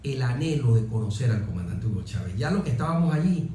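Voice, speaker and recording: In a very echoey room with slight background noise, a middle-aged Venezuelan man tells personal stories conversationally as an interview guest. He's a military officer, and he speaks fast and emphatically in a medium-pitched, dark voice with big pitch swings, often repeating phrases.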